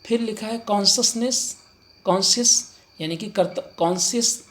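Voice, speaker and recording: A man teaching an exam-prep grammar lesson. He reads sentences slowly and explains them in Hindi, asking rhetorical questions. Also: high voice, fairly bright tone. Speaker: English teacher.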